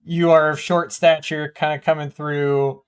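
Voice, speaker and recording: A man's voice: fairly high pitch, flat delivery, measured pace, crowd noise. A man acting as game master, calling for dice rolls and describing what happens in the scene. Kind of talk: narrating a tabletop game.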